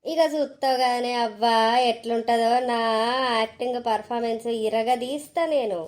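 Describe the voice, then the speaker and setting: A woman's voice: on the high side, normal speed, a little mellow, natural voice. A woman voicing a spoiled, cheeky young village bride in a cartoon, with a Telangana Telugu accent. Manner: cheeky, boastful.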